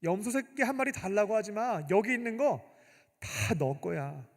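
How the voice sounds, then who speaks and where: Pastor doing a gentle loving father. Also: high-pitched, sing-song, normal speed. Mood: gentle coaxing. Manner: soft, soothing. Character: loving gentle father coaxing his grown son. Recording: long church-hall reverb.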